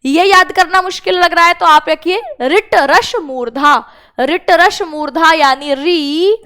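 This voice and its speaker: Young female exam-prep teacher, high-pitched and unhurried, drills mnemonics for students to repeat. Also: pushed and bright. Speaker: Sanskrit teacher.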